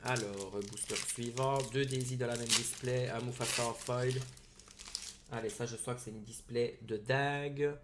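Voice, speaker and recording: A man hosting a card-opening video, casually reading out card names one after another with short excited asides. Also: mid-range voice, normal speed, heavy background noise.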